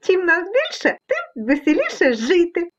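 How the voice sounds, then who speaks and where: Tiny mischievous dust specks that giggle and tease, as a woman plays them. The voice jumps very high and bright, on a dull lo-fi recording. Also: wildly swooping pitch, unhurried, full character voice. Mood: teasing. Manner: teasing, playful.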